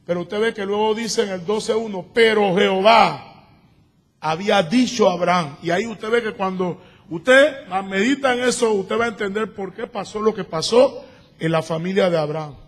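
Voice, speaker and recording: A man pastor preaching a sermon in Spanish to his congregation, building from steady teaching to shouted emphasis. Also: high-pitched, normal speed. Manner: preaching, rising to shouts at times.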